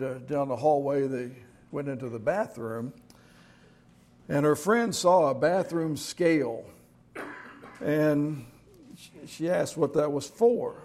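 A man's voice: medium pitch, a little mellow. A middle-aged man preaching a sermon as pastor, telling jokes and stories in a folksy way. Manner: folksy joke-telling storyteller.

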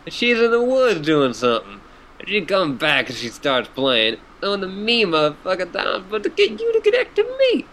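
A man's voice: sits high, wildly swooping pitch, a little fast, fairly bright tone, a little hiss or hum, pitched above the performer's own voice, full character voice, rough recording. A man voicing a laid-back, stoned male clown troll who drawls, swears and honks. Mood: mellow.

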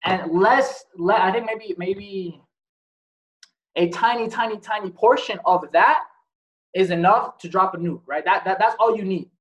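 A man's voice: sits high, a little slow, a bit bright, dull audio. A man giving a casual motivational talk as host, blunt and profane, asking many rhetorical questions. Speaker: podcast host.

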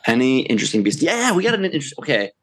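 A man's voice: mid-range voice, sing-song, racing, fairly bright tone, breathy edge. A young man co-hosting a podcast, talking in a rambling, easygoing way and laughing often. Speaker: podcast co-host. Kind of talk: casual chat.

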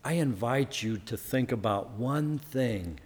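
A man preaching a sermon as pastor, earnest, building to emphatic peaks and then dropping low. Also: animated, slow pace, big-room sound, slight background noise.

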